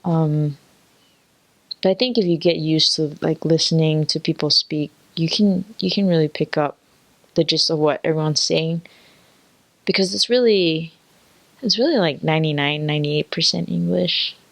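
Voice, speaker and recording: A woman with a low-pitched voice and a softened Singaporean accent talks informally, explaining things as she goes. She pauses to search for her wording and offers examples in a casual way. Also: creaky. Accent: Singaporean, softened for foreign listeners. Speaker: native speaker explaining dialect.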